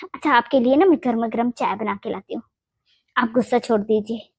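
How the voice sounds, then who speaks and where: A woman voicing a young, gentle married daughter-in-law in a Hindi cartoon, talking in a soft, pleading way. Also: a little high, a little fast, gravelly, husky, dry recording. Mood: soothing. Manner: soft pleading, keeps saying "mummy ji".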